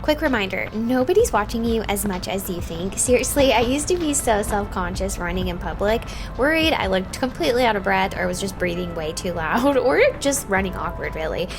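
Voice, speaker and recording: A woman's voice: medium pitch, lively intonation, a little fast, creaky, few pauses. A woman hosting a vlog, talking in a casual, conversational style. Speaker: vlog host. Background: music.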